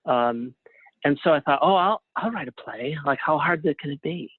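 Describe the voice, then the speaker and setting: Over a narrow, phone-like connection with almost no room sound, a middle-aged playwright appears as a guest in a relaxed interview. His voice is slightly high and breathy, with lively intonation and a normal pace, and the recording is dry. Self-deprecating and modest, he jokes at his own expense as he recounts things.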